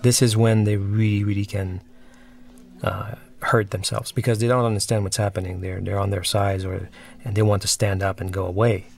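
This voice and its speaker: Reflecting casually on his own film, a man explains things and rephrases them over the movie's music and dialogue. He speaks at a moderate pace in a fairly low, level, gravelly voice that's a little mellow.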